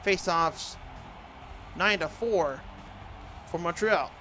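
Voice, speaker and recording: A man's voice: high voice, very slow, bright, forceful tone, soft background music, exaggerated voice. A man doing an impression of an earnest TV hockey play-by-play announcer, calling a video game in clipped present-tense phrases. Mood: analytical.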